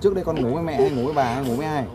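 A man interviewing a young child outdoors, asking gentle, simple questions. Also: a little high, very fast. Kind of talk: street interview. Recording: loud crowd behind.

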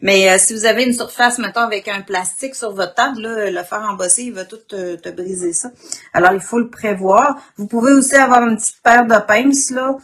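A woman with a Quebec French accent and a husky morning voice, informally demonstrating an art technique and often clearing her throat. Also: medium pitch, fairly quick, a little hiss or hum. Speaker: craft instructor. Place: indoor craft worktable.

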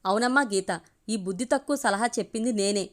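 A woman reading the lines of a dignified older mother who speaks firmly and gravely. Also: mid-range voice, close to an everyday voice. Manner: firm, measured, grave.

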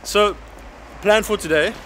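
A South African man in his thirties, a photographer, chats casually in a vlog while walking along a busy city street. He has a high voice and a measured pace, and he holds the camera at arm's length, so loud street traffic noise fills the recording.

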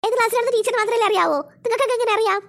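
Strict new cartoon teacher, very high and fast, scolding and lecturing. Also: female voice, vocal fry, a bit bright, heavily acted. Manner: firm and scolding, lecturing the class.

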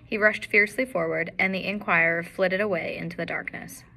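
Woman reading an old detective story, bright tone, a bit of gravel in it. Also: fairly even intonation, a little fast, poor audio. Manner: reads all the characters herself, shifting pitch for each. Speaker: audiobook narrator. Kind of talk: scripted narration of a classic detective story.

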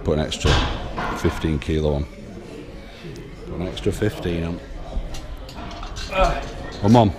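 A man's voice: sits low, a little slow, pauses often, very noisy. A man with a northern English accent coaching in a large gym, barking short commands and counting reps. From England. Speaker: gym coach filming a workout. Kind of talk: coaching during a workout. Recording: music playing over the gym.

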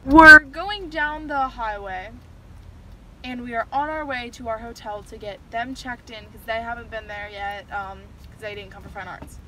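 A woman's voice: a little high, moderate pace, sharp tone. A young woman vlogging from a car into a phone at arm's length, talking casually with lots of fillers and an exasperated tone. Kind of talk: casual vlog chat. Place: inside a car. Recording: car noise behind.

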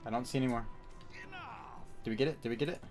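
A man's voice: mid-range voice, fast, darkish tone, faint music behind. Joking man giving gameplay commentary. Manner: joking, chatty, reacts to the game. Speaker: gamer playing through a game.

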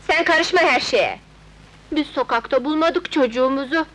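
An actress playing a doting, overprotective nanny who fusses and coaxes in a sing-song way, in a 1970s dubbed film. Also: female voice, sits high, normal speed, a bit bright, slight background noise, low-quality recording. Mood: fussing. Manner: fussing, coaxing, sing-song.

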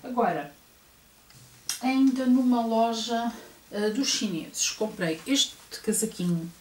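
Speaking slowly with a European Portuguese accent, this fashion vlogger has a fairly high yet darkish voice and shows off a clothing haul in a chatty, hesitant way, full of fillers and direct remarks to viewers. Recorded indoors in her bedroom by a camera across the room, the audio is roomy and distant with a faint hiss.

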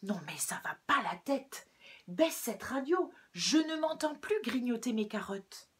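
A woman's voice: fairly high pitch, lively intonation, unhurried, husky, voice pushed up. A woman voicing a cheeky, squabbling male rabbit in a children's story, firing back mocking, exasperated retorts. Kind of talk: storybook read-aloud for children.

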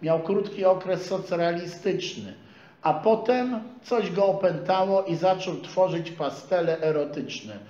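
A man in his sixties giving a measured, scholarly lecture in a small room, caught by a distant camera. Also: high voice, a little mellow. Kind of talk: academic lecture. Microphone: far camera. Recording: echoey room, dull sound, faint hiss.

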